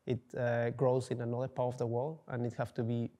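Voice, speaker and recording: A man's voice: medium pitch, level tone, a little fast, warm tone. A young man from Peru, answering interview questions casually and searching for words with many fillers. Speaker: coffee entrepreneur, interviewee. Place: dark studio, indoors.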